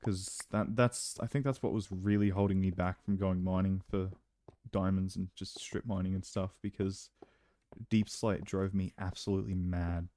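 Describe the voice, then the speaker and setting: Chatty young man with a low, mellow voice. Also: moderate pace, dry recording. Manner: chatty, rambling, sudden excited outbursts. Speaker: gameplay commentator. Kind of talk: casual let's-play commentary.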